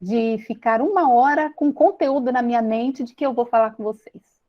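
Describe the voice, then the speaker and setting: Brazilian woman, high voice, earnest confessional teaching talk, slightly dull lo-fi recording. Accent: Brazilian Portuguese. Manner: earnest, confessional, with restarts and tender pauses. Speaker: speaker of a self-help talk. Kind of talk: personal teaching talk to an audience.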